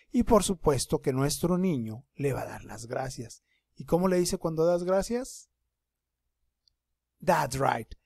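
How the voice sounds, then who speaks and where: A man teaching first graders in an online lesson, patient and slow, repeating each word for young learners at his computer. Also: mid-range voice, mellow, dry recording, studio quality. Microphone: computer microphone.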